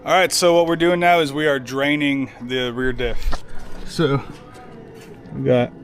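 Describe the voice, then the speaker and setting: A young man chatting casually while working on a car in his garage, excited and swearing often. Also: medium pitch, a little slow, slight background noise. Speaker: car builder vlogger.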